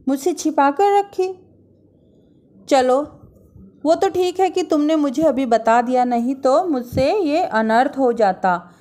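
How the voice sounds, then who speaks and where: Woman, teacher, slow careful delivery, story reading, acts out lines then explains. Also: high voice, darkish tone. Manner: reads dialogue with feeling, then retells it in simple words. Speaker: school teacher. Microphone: online class recording.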